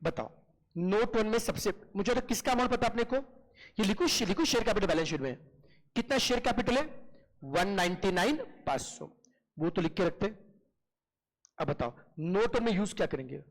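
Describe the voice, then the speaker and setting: A man with a high voice teaches accountancy in an online class. He keeps asking his students short questions and answers them himself. He calls them "beta" in a familiar way. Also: lively intonation, normal speed, long pauses, rough recording.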